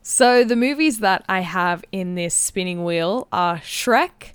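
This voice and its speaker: Speaking at a slow pace with lively intonation, this podcast co-host has a smooth voice on the low side. She explains a game in a casual, chatty and giggly manner. The recording is dry, made on a close podcast microphone.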